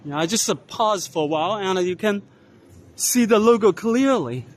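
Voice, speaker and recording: A man casually narrating a walking tour of a trade expo, unhurried, spelling out brand names letter by letter as he walks. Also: high-pitched, animated. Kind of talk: casual walk-and-talk narration. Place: large indoor trade expo hall.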